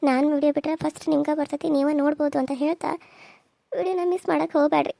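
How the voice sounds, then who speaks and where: Earnest, pleading woman narrator, high pitch, mellow tone, dry close sound. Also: fairly even intonation, very fast, gravelly, dry recording. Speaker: cartoon serial creator and narrator. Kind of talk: chatty appeal to viewers.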